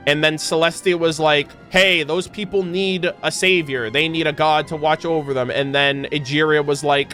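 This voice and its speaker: A man who makes video game reaction content offers casual, off-the-cuff commentary, rambling as he thinks out loud. His voice sits on the high side and is a bit bright, with background music behind him.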